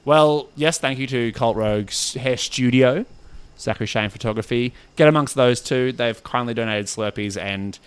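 A man's voice: mid-range voice, moderate pace, clear, resonant tone. A man hosting a music talk show in casual, bantering conversation. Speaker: music podcast host.

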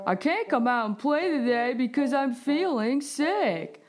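A woman's voice: high-pitched, animated, a little slow. Digger, a sick cartoon dog, voiced by a woman. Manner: cheerful, folksy, polite. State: sick with a cough. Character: sick, bored young male dog. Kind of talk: children's podcast story. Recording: with music behind. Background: background music.

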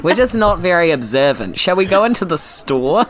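A tabletop role-player talks casually and improvises with wry humor. The voice is mid-pitched and swings around in an animated way. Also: moderate pace. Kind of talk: casual improvised game chat.

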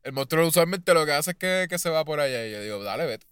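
Bright, animated man mixing in English. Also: a little high, fast talker, smooth, dry recording, clean studio sound. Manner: animated, acts out screams and taunts, mixes in English words. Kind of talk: casual chat reviewing a film.

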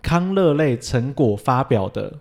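A man's voice: medium pitch, animated, a little slow, gravelly, a little mellow. A man from Taiwan in a casual podcast chat, telling a story in a joking, self-mocking way.

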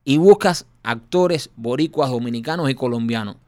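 Man, Cuban accent, relaxed co-host, lively, plays out bits of accent, dry close sound. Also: mid-range voice, normal speed, no room sound. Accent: Cuban Spanish. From Cuba. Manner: animated, mimics accents mid-sentence. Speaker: podcast co-host. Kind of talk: casual chat.

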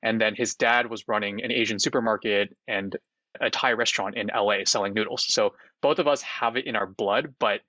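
A man of about thirty, a startup founder, talks in a relaxed, rambling way full of fillers, often laughing as a guest in an interview. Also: lowish voice, fairly quick, no echo, dull audio. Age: 30s. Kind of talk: casual interview chat.

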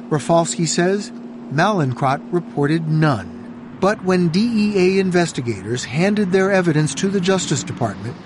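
A man reads scripted narration for an investigative news exposé in a measured, serious way with emphatic phrasing. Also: on the high side, slight background noise. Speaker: correspondent narrator.

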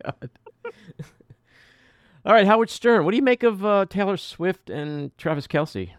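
A man's voice: sits high, expressive, no echo, studio quality. A male podcast host setting up questions in a casual interview, laughing along. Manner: laughing, quick setups.

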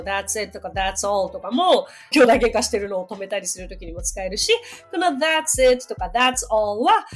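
A woman's voice: on the high side, fairly bright tone. Chatty woman teaching English on a podcast. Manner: chatty and friendly, laughs between explanations. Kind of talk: casual podcast lesson.

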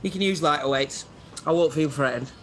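An actor playing an upbeat, cheesy personal trainer leading a class in a sitcom. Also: male voice, a little high, a little fast, a bit bright, a little hiss or hum, natural voice. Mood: chirpy. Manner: chirpy, cheesy coach patter. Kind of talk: sitcom acting.

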